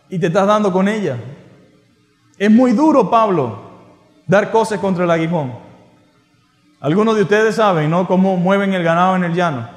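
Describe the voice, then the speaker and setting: A Venezuelan man, a pastor, preaching a sermon in an emphatic way, with many repeated rhetorical questions. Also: high-pitched. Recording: echoey church hall with long reverb.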